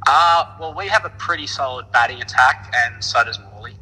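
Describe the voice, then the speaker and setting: A man's voice: mid-range voice, moderate pace, sharp tone, husky, big-room sound, rough recording. An Australian man, a club cricketer on a call, chatting casually in a slangy, blokey way like an Aussie tradie. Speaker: club cricketer phoning in as interview guest. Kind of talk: casual, laid-back Aussie bloke chat.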